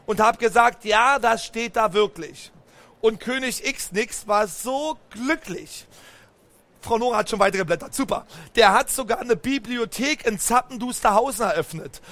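A high-voiced man telling a picture-book story to a crowd of children. He is animated and keeps turning to the kids with questions. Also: normal speed. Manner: animated, talks straight to the children, asks them questions. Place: book fair stand.

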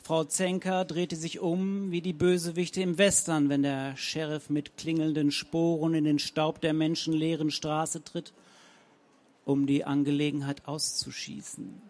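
A man reads an audiobook with a slightly higher than usual voice. His narration is lively and wry, savoring the comic images of the story. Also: measured pace. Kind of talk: audiobook reading.

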